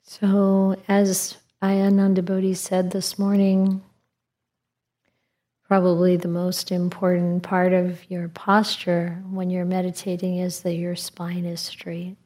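A woman teaching meditation in a calm, meditative tone. Her voice is soft, a little husky and mellow, and she speaks very slowly, leaving long pauses between short phrases. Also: fairly low pitch. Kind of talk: guided meditation instruction.

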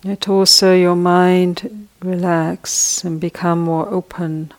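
A woman meditation teacher guides a meditation with soft, gentle instructions, leaving long pauses between phrases. Her voice is on the low side and keeps a level tone.

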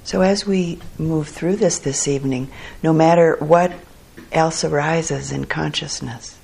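In a meditation hall, a woman teacher guides a sitting practice in soft, unhurried phrases broken by long pauses. She speaks very slowly, and her low-pitched voice carries a breathy, gravelly husk.

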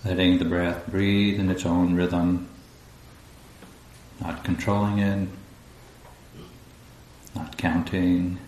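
Guiding a group through meditation indoors at a retreat, a man speaks in a low, steady voice, calm and slow, leaving long silences between phrases. A roomy echo and faint low rumbling can be heard on the recording, and he is a meditation teacher.

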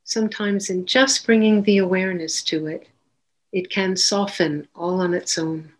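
In a lowish voice with fairly even intonation, a female teacher leads a guided meditation. She speaks gently and without hurry, pausing for a long time between phrases.

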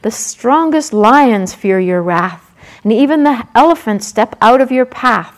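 Woman voicing an excitable male forest sprite. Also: on the high side, measured pace. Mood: indignant. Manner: eager, loud, demanding.

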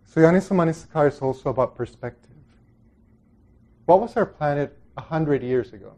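In an animated, somewhat fast delivery, a middle-aged man from El Salvador leads an informal dharma talk for a group as a Buddhist meditation teacher. His voice runs on the high side and a bit mellow, and his reflective, conversational style often trails into asides.

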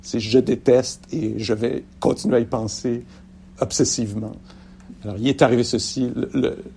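A man's voice: mid-range voice, slight background noise. A middle-aged man giving a mindfulness dharma talk to an audience, often laughing and losing and finding his thread. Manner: warm-humored, laughs often, loses and finds his thread. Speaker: mindfulness meditation teacher.

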